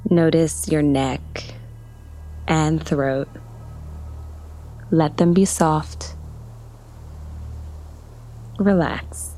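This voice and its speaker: Slow, low-voiced woman guiding meditation. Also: steady tone. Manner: slow, soothing, gentle instructions with long pauses. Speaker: meditation guide. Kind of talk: guided meditation.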